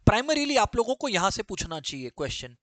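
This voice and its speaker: A man's voice: sits high, big pitch swings, fast talker, a bit bright, dry recording. A man teaching a maths lesson to students, repeating key phrases and firing questions at the class.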